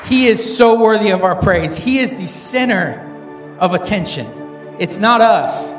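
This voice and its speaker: High-voiced male preacher rallying a congregation. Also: expressive, measured pace, recorded from a distance. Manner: loud emphatic proclaiming in short repeated phrases. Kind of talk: rally-style sermon opening, rousing the congregation. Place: large church room with PA. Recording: hall reverb, music behind. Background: music.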